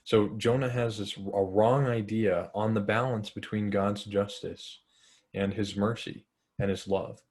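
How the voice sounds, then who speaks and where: A man's voice: fairly low pitch, steady tone, unhurried, a little mellow. A man teaching a Bible study in an earnest, conversational way, with fillers and restarts.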